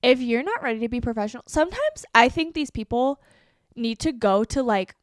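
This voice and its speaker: A woman's voice: on the high side, fairly quick, no echo, clean studio sound. A woman in her twenties hosting a solo podcast, talking casually with lots of fillers. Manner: casual, animated, many fillers like "like" and "um". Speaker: podcast host.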